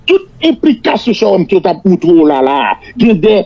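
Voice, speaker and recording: A Haitian man with a strikingly high-pitched yet soft-edged, mellow voice gives political commentary. He slides between French and his native Creole, haltingly repeating small words as he argues. The sound is muffled and lo-fi, like talk radio. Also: sing-song, creaky. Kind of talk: political analysis on a talk show. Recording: dull lo-fi radio-like audio.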